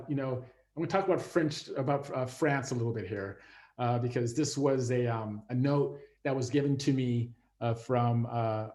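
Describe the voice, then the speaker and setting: A man gives a masterclass lecture in a loose, conversational way, with plenty of fillers and restarts. His voice is mellow and relaxed, at an ordinary middle pitch. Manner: acts out quoted voices. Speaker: instructor. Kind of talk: masterclass lecture on series writing.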